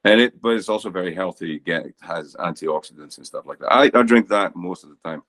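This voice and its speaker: Deep-voiced man in relaxed chat. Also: a little fast. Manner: relaxed, teasing, rambling explanations. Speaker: podcast co-host and teacher. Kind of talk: casual podcast chat.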